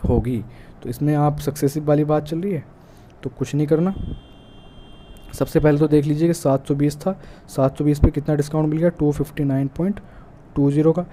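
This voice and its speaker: There's a warm tone to this tutor's slightly high voice as he, a man with an Indian accent, goes through exam-prep math problems one step at a time. English math terms are blended in, and the recording carries faint background noise.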